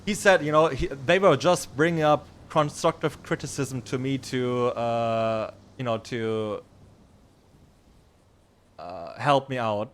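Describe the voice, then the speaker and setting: Brief: male roleplay streamer as a biker, mid-pitched, halting and rambling, with flashes of loud exasperation. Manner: rambling, halting, many restarts and fillers; gets loud and exasperated when defending himself. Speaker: roleplay streamer playing a biker club member. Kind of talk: in-character casual chat.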